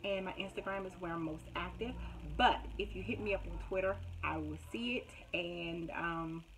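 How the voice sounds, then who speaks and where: A young adult woman telling her story in a casual, animated vlog, with dramatic retelling and laughs. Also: fairly low pitch, normal speed, a little hiss or hum, poor audio. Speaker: nurse vlogger.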